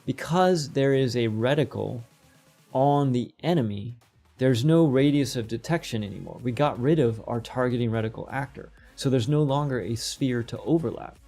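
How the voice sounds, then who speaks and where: A middle-aged man talks through a game development tutorial, quick and rambling, often breaking off and starting his sentences over. His voice has a gravelly edge. Faint music plays quietly behind him. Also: mid-range voice. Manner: rambling, quick, self-interrupting. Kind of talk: casual screen-recorded tutorial.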